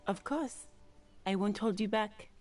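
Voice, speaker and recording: An actress playing a polite, calm gardener in a video game, gentle in manner. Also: female voice, mid-range voice, measured pace, faint music behind, lightly acted.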